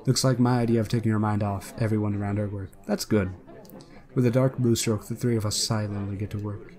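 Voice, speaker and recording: Low-voiced man reading a game aloud. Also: fairly even intonation, brisk, a little mellow. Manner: casual, adds asides. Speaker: let's player. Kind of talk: reading a visual novel aloud with commentary.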